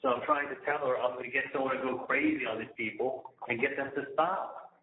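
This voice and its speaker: A man's voice: medium pitch, steady tone, fairly quick, narrow, tinny audio, slight background noise. Inmate calling from a prison phone: agitated, repetitive man on a thin, roomy line. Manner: agitated, indignant, repetitive, swearing. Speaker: inmate calling his mother. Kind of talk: phone conversation. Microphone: prison phone handset.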